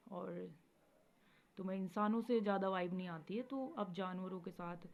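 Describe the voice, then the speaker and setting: A woman hosting a spiritual advice talk, speaking gently and often checking in with her listeners. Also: medium pitch, moderate pace, gravelly. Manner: gentle, repeats "theek hai" often. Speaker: spiritual video host. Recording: dull lo-fi recording with faint noise.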